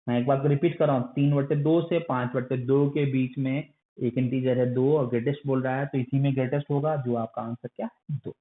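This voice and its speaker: A man's voice: mid-range voice, fairly even intonation, fairly quick, few pauses. A male math teacher giving an online lecture, in terms, coaxing and scolding his students like a strict elder. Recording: phone-like lo-fi recording.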